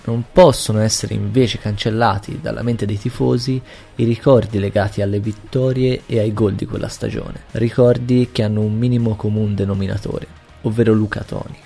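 Low, gravelly male podcast narrator. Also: steady tone, moderate pace, mellow. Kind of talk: scripted sports history narration. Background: faint music.

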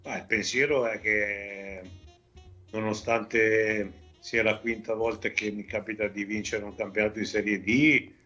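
Husky low-voiced coach in his 50s, from veneto, slow careful answers, dull lo-fi audio, faint music. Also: level tone, bright, forceful tone. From Veneto, Italy. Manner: measured, hesitant with many fillers and restarts. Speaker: football coach, guest. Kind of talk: interview.

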